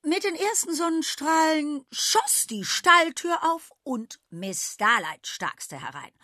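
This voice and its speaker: A woman reading a children's radio story aloud in a lively, expressive way. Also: medium pitch, no room sound, studio quality.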